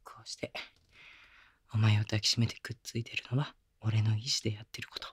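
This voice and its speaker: Recorded up close on a binaural mic, a man voices a doting young boyfriend for a Japanese girlfriend-experience roleplay, coaxing and pampering his partner with rough slang eased by occasional soft whispers. The mood is tender and teasing. His voice is lowish, his delivery flat and brisk.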